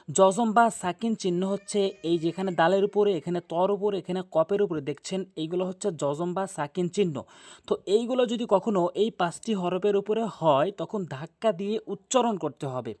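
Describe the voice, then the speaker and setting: A Quran recitation teacher giving a step-by-step spoken lesson, slowly repeating each letter sound. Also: medium pitch, a little mellow. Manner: slow, repetitive drilling of letter sounds.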